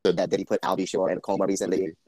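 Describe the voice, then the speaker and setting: A man on a remote video call, his voice coming through robotic and broken up by weak Wi-Fi. He speaks low and extremely fast, rushing through short lines as he moves around to fix the signal. The sound is dry and close, with almost no room around it. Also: level tone, warm tone, dry recording. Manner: rapid, hurried talk while fixing his connection. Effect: robotic, glitchy internet-call audio. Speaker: co-host calling in remotely. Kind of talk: casual podcast chat.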